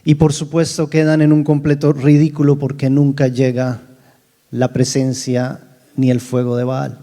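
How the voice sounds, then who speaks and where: A man preaching a sermon as pastor, telling a Bible story with animated delivery and rhetorical questions to the congregation. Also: mid-range voice, unhurried, big-room sound. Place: church service in a rented hall.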